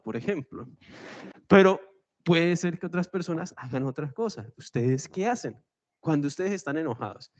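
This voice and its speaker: A man lecturing a university class, animated and demonstrative, talking straight to his students and leading a breathing exercise. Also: a little high. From Colombia. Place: classroom, mixed in-person and online. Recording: dull lo-fi classroom recording.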